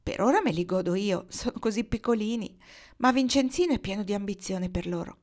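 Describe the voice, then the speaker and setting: A woman's voice: mid-range voice, brisk, darkish tone, lightly acted. A woman voicing a happy young mother in an audiobook, speaking tenderly and persuasively. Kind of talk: audiobook dialogue.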